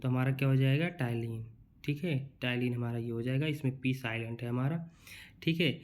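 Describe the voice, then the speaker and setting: A young man runs through a quiz lesson for exam students. He reads each question out slowly and then talks through the answer in a relaxed, repetitive way, checking in with the listener again and again. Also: medium pitch. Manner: reads questions slowly, then explains casually with repeated fillers. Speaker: teacher. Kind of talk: exam-prep lecture.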